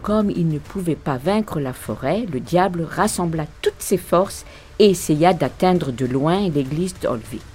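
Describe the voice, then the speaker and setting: A woman narrating a folk legend in a calm, even, scripted storytelling manner. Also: sits low.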